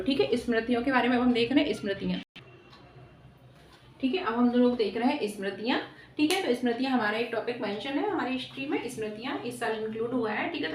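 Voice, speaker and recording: A woman's voice: fairly high pitch, slight background noise. A woman teaching an exam-prep lesson at a whiteboard, often repeating "ठीक है" and asking rhetorical questions to quiz her students. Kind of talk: whiteboard lecture. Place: classroom with a whiteboard. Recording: echoey room, voice from off-mic.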